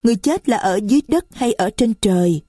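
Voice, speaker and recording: A woman's voice: a little high, animated, quick pace, warm tone, husky, no room sound, clean studio sound, pitched above the performer's own voice. A woman voicing a shy, polite little girl in an audio story, with a timid, childlike manner. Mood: innocent. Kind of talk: audiobook reading.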